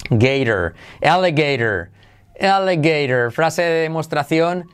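A man from who speaks natively, teaching English pronunciation on a podcast, playfully repeating words slowly. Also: fairly high pitch, expressive, clear, resonant tone. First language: Spanish. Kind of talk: podcast lesson.

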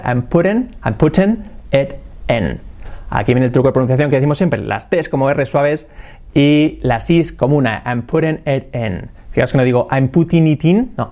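Man, casual video teacher, middle pitch, repeats English lines slowly. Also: a little mellow. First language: Spanish. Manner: explains, then repeats English phrases slowly.

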